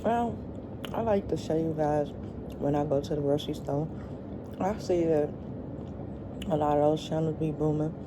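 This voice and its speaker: A middle-aged woman vlogger chatting casually to her viewers while eating, in a halting, colloquial way. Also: sits low, background noise.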